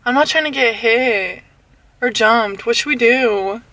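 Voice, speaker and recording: A woman's voice: on the high side, a little slow, pushed and bright. A young woman vlogging into a handheld camera from inside a car, chatty and full of "like". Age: young adult. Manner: chatty, says "like" a lot. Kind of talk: casual vlog chat. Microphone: handheld camera at arm's length.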